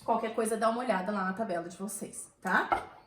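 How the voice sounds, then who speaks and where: A woman's voice: mid-range voice, brisk, fairly bright tone, reverberant, low-quality recording. A woman with a Brazilian Portuguese accent who teaches a grammar lesson in a chatty way and keeps checking in with her students. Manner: chatty, checks in often with tag questions.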